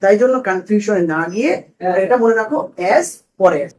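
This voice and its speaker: A man's voice: high-pitched, expressive, moderate pace, a little mellow, low-quality recording. A man teaching a grammar lesson to a class in a classroom, asking questions and repeating the students' answers.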